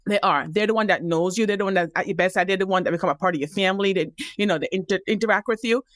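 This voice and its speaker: A woman hosting a podcast talks quickly and with emphatic enthusiasm. The sound is dry and close. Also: medium pitch, dry recording. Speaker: podcast host. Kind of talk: podcast interview.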